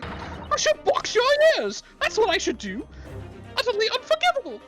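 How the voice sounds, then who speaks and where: A woman's voice: very high voice, wildly swooping pitch, voice pushed up, full character voice. Snooty outraged villain woman for a game, theatrical menace, voice goes way up and down, music playing. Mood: haughty outrage. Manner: theatrical villain menace, scornful, drawn-out words. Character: haughty outraged upper-class woman villain, scornful and theatrical.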